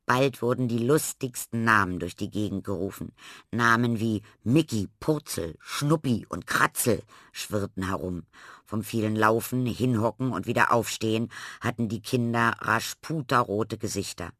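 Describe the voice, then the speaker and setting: A man narrating a children's storybook in a lively, expressive way. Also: lowish voice, normal speed, no echo, clean studio sound.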